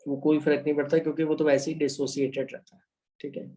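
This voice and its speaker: A man's voice: on the high side, little pitch movement, quick pace, dark tone, rough recording. A man with an Indian accent teaching a chemistry lecture, explaining step by step and mixing English phrases into Hindi while checking in with students. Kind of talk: online lecture explaining equations.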